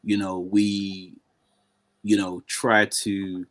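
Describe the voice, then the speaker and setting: A man with a deep, low voice talks as a guest on a conversational show. He stops and restarts often and leans heavily on fillers. The sound is dry and close, with no room echo. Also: little pitch movement. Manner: halting, many fillers and restarts. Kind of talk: casual conversation.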